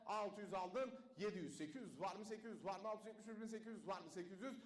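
A man working as a car auctioneer, rattling off bid after bid in a rapid chant and dropping his voice low each time he names the standing price. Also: reverberant. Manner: rattles off bids in a fast chant, drops low to call the price.

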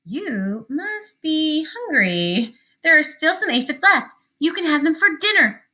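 A woman's voice: on the high side, wildly swooping pitch, a little fast, pushed and bright, slightly rough, full character voice. A woman voicing a friendly, kind female ladybug in a welcoming tone.

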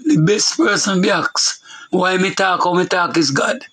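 A man's voice: high voice, unhurried, a bit bright, breathy edge, rough recording. A middle-aged Jamaican man with a Jamaican accent, preaching in an emphatic, repetitive way in patois. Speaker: preacher on a talk show. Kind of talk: loose preaching monologue.

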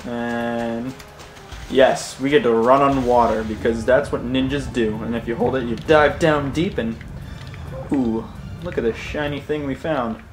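A man's voice: mid-range voice, steady tone, unhurried. Rambling joking man over game music. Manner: rambling, joking, self-correcting. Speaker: let's play host. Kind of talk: casual gameplay commentary. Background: game music and sounds.

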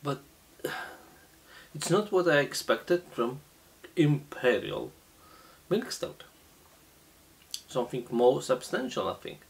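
Middle-aged guy tasting beer on camera, slow and halting, pitch jumps around a lot. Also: very animated, vocal fry. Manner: slow, halting, many fillers and restarts. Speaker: beer reviewer. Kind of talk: casual beer tasting review. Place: small indoor room, seated at a table.

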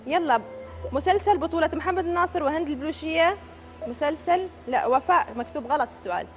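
A woman hosting a televised quiz show from a studio, reading out questions and answer options crisply and upbeat. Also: high voice, quick pace. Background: show music.

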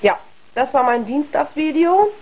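A young woman talking frankly and haltingly in a casual video monologue, ill with flu, her worn, husky voice giving out. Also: high-pitched, lively intonation, warm tone, low-quality recording. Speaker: video blogger. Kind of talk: casual personal monologue to camera.

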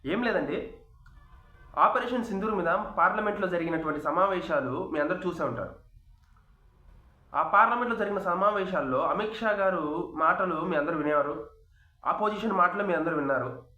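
Telugu male commentator, high bright voice, angry scolding rant, echoey room. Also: moderate pace, pauses often. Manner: heated, scolding, rhetorical questions. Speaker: political YouTube commentator. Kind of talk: angry political opinion monologue.

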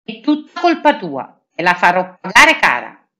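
A woman voicing a scheming, proud English noblewoman, sweet on the surface and shrill when angry. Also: huge pitch swings, moderate pace, sharp tone, heavily acted. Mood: hateful.

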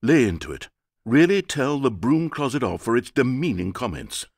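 The Narrator, a sardonic storyteller. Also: male voice, medium pitch, very animated, normal speed, gravelly, no echo. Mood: mock dramatic. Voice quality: dry, mocking delivery. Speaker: game narrator. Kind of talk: scripted video game narration.

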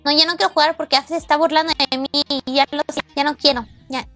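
High-voiced playful woman streamer. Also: fairly even intonation, quick pace, a bit bright, faint music behind. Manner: playful, teasing, mock-exasperated, thanks viewers by name. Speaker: VTuber streamer. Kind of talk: live gaming stream chat.

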